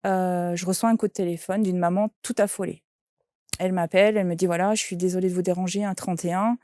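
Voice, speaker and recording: Woman telling a story, mellow. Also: on the low side, fast, no echo, clean studio sound. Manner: lively anecdote telling, quoting voices. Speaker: shaman and medium. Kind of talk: interview storytelling.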